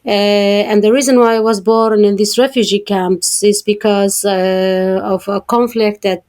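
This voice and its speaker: A young woman who grew up in the Sahrawi refugee camps of southwest Algeria, speaking as an interview guest. Her voice sits at a middle pitch. She is thoughtful and pauses often, filling the gaps with "um" and "uh". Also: steady tone, a little mellow. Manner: thoughtful, pauses with many fillers. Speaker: guest activist. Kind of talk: interview conversation.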